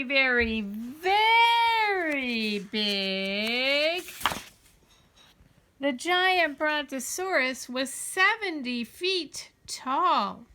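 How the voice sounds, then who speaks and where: A woman with a high voice reads a children's picture book aloud, expressive, deliberate and emphatic as she tells the story. There's a little hiss or hum in the audio.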